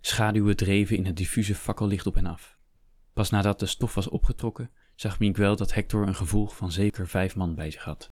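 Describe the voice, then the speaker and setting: A man narrating a historical story in a steady, measured reading. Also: lowish voice, no room sound, clean studio sound. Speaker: audiobook narrator.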